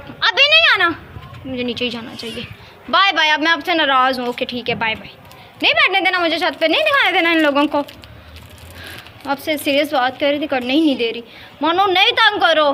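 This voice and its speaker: A woman with a very high, lively voice talks casually to her viewers while filming on a rooftop. She keeps breaking off to scold and coax her cat in a playful tone. The recording is noisy, with traffic heard outdoors. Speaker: vlogger. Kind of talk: casual chatty vlog.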